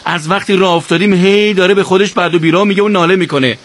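A man voicing a short-tempered young male soldier who shouts and scolds a complaining comrade. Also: high voice, voice pushed up. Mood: exasperated. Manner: shouting, exasperated.

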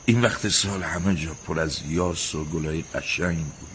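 A man's voice: a little high, big pitch swings, slight background noise, full character voice. An actor playing an aging restless father, bitter and nostalgic, who rants and then drops into a wistful murmur. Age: older. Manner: ranting, swings from shouting to wistful murmur. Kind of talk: radio drama acting.

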